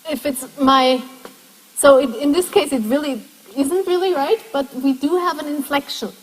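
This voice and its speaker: Speaking at a moderate pace in a high voice, a woman lecturer explains her material step by step to a classroom and puts questions to the students. The sound carries the long echo of a lecture hall.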